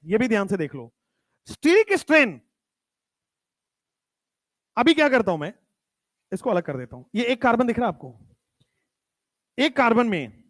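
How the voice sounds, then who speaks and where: A man teaching chemistry in a lecture, stressing key terms and repeating them, his voice dropping low whenever he states a definition. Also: a bit bright, no echo. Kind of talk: classroom lecture.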